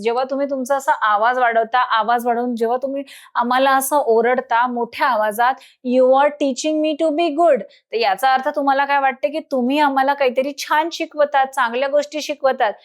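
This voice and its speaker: High-voiced woman teacher. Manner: reads English lines slowly, then translates and explains. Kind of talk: English lesson explained in Marathi.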